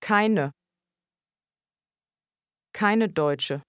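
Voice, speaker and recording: Woman, slow careful speech, mid pitch, dry studio sound. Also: a bit bright, smooth, no echo. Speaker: native-speaker model voice.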